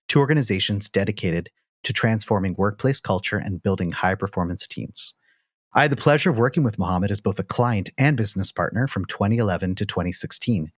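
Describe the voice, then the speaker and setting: A man's voice: lowish voice, dry recording, studio quality. A man hosting a podcast, giving a scripted introduction and then asking interview questions in an upbeat, friendly way. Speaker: podcast host.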